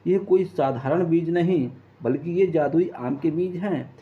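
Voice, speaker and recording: A man voicing a kind, wise old sage who speaks in a calm, reassuring way. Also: on the high side, measured pace, lightly acted. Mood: soothing. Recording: dull lo-fi.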